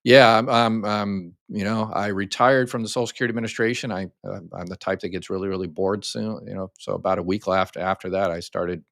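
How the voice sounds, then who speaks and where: Brisk and with few pauses, an older man from the US answers viewers' questions during a live Q&A chat. His very deep, low voice wanders casually through explanations, one step at a time, peppered with ums and restarts. The sound is dry and close-miked, with minimal room echo.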